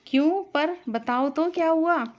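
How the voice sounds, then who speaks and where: A woman's voice: sits high, measured pace, highs cut off, pitched above the performer's own voice. A woman voicing a concerned young husband. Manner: concerned, earnest.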